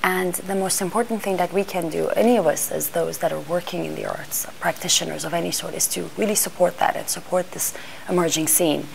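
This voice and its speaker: Speaking fairly quickly with fairly even intonation, this middle-aged woman's low, gravelly voice comes through a low-quality recording with slight background noise. Originally from Iran and raised in Greece and Washington D.C., she organizes art fair panels and reflects thoughtfully in an interview, restarting and filling as she hunts for words.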